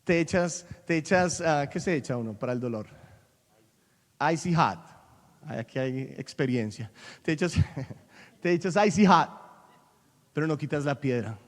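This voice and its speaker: A male pastor delivers an animated sermon in a somewhat high voice, now and then slipping into English and climbing to loud, emphatic peaks. His voice rings with the long reverb of a large church hall. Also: moderate pace, long pauses. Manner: animated preaching, switching between English and Spanish, rising to loud peaks.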